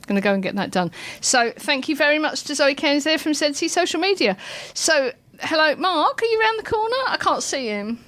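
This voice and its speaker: A woman hosting a radio show, chatty and giggly, with a self-deprecating, warm-hearted way of talking. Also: high voice, very animated, fairly quick, few pauses. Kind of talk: casual radio chat.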